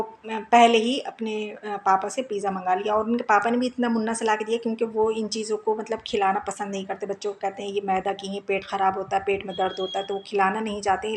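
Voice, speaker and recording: A woman's voice: mid-range voice, darkish tone, slight background noise. A woman in her thirties chatting casually in a home vlog, talkative and laughing often. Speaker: home vlogger.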